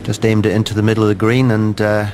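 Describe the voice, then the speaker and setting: A middle-aged man giving shot-by-shot live golf commentary in terse, measured, clipped phrases. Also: lowish voice, monotone. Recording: noisy outdoor broadcast ambience.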